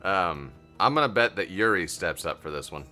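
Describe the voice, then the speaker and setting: Male gamer, casual playthrough commentary, animated, forward bright tone. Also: deep voice, normal speed, soft background music.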